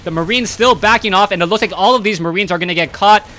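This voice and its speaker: Guy with a high bright voice doing quick play-by-play, gets hyped in fights. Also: slight background noise. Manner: brisk play-by-play, rising excitement in fights. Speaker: esports caster. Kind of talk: play-by-play commentary.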